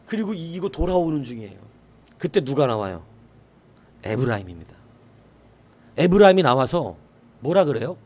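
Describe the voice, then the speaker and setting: Male pastor, sermon delivery, fairly high pitch, very lively intonation, keeps putting questions to the congregation and answering them. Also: moderate pace, pauses often. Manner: acts out quoted voices in a raised voice.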